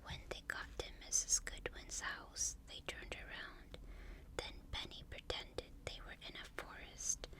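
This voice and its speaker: A woman reading a bedtime story aloud in a soft ASMR whisper, gently and with long pauses.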